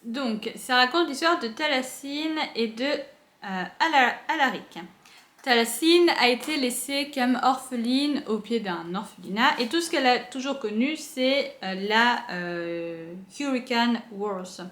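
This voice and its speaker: A young woman casually chatting as she unboxes books at home, gushing with excitement and using lots of fillers. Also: fairly high pitch, measured pace. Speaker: book unboxing vlogger. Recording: echoey room.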